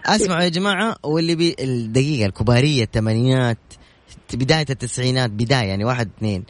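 A man hosting a call-in radio show, talking fast and teasing his callers. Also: mid-range voice, no room sound. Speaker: radio host. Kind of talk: lively call-in radio chat.

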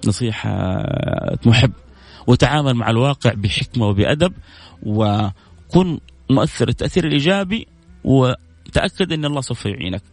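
A man hosting a religious radio talk show, telling stories with lively jumps in pitch and reading out listener messages. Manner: lively storytelling with sudden high pitch jumps. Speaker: radio host and preacher.

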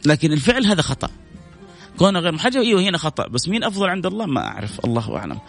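A middle-aged man with a Saudi accent hosting a religious advice talk show, animated and preachy, with mocking asides. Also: on the high side, rapid-fire, gravelly, faint music behind. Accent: Saudi Arabic. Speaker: host.

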